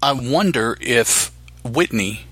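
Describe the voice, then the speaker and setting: A man co-hosting a podcast in casual chat, hesitant and halting with many restarts. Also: medium pitch, animated, fairly bright tone, husky. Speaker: podcast co-host.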